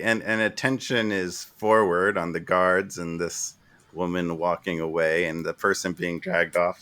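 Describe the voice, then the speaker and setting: Low-voiced male game master, conversational. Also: fairly bright tone. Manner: halting, conversational. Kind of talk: improvised tabletop game narration.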